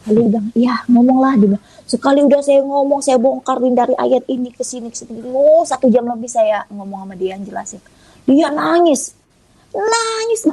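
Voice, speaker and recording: Woman from Indonesia, interview guest giving a testimony, lively storyteller, husky and mellow, dry recording. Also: on the high side, fairly quick, dry recording, rough recording. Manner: animated storyteller, acting out quoted dialogue. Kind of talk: conversational testimony. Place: online audio room.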